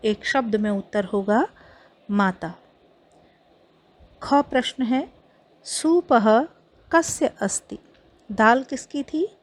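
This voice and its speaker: Indian woman, Sanskrit teacher, slow and careful, slightly high voice, faint hiss behind. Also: animated. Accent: Indian Hindi. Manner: reads each Sanskrit line, then explains it in Hindi. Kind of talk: explaining a textbook lesson line by line.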